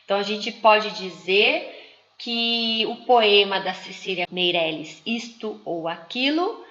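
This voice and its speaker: A woman giving a slide lecture to teachers, speaking in a slow, didactic way and drawing out example words. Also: medium pitch, fairly bright tone. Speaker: teacher trainer. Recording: muffled, echoey room.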